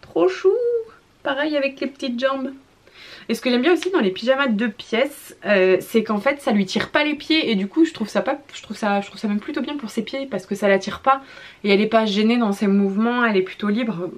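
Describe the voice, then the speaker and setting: Gushing young mum vlogger. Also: female voice, mid-range voice. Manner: gushing, repeats "trop, trop" and fills with "euh". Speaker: vlogger, mother showing a baby clothing haul. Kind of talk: casual haul vlog.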